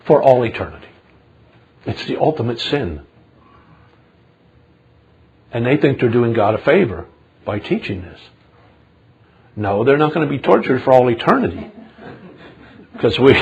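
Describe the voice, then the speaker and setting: Older male preacher, husky, slow and animated, sermon from the pulpit, swings between hush and fervor. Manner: impassioned, swings from low murmurs to loud indignant outbursts. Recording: 2005 sermon recording.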